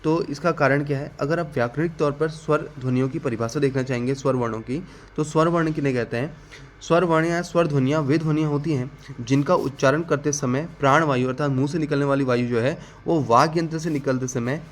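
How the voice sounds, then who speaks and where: A man's voice: on the high side, a little hiss or hum. Man teaching grammar, asking and answering himself. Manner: asks the class questions then answers them; repeats key definitions slowly. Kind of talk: exam-prep grammar lesson.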